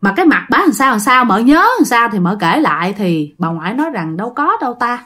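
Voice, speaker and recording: A woman telling a ghost story in an animated, conversational way. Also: medium pitch, a little fast.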